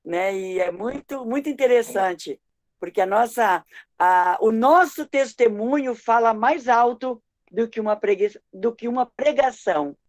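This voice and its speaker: Slightly high woman pastor, reflective. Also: expressive, a little slow, a little mellow. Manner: reflective, hesitant with repeated words. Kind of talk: devotional group discussion.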